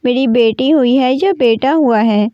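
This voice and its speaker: A woman's voice: on the high side, warm tone, no room sound, lo-fi sound, natural voice. A woman voicing a young new mother who keeps pleading tearfully in a storybook reading. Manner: pleading, insistent.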